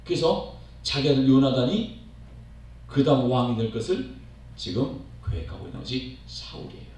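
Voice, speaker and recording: A male pastor preaching a sermon in a church, telling the story in an animated way and acting out the quotes. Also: medium pitch, normal speed. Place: church sanctuary. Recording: echoey hall, voice from far off, faint noise.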